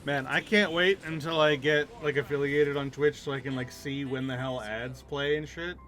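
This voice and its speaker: A man's voice: on the high side, steady tone, moderate pace, a bit bright. A man giving casual, chatty gameplay commentary as a streamer, with wry muttered asides to himself. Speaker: game streamer. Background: video game music.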